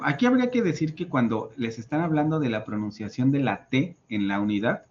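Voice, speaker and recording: A man's voice: mid-range voice, darkish tone. A man teaching an online English class, explaining patiently in Mexican-accented English and Spanish, with many fillers and repetitions. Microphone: video call. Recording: slightly muffled video call audio with faint noise.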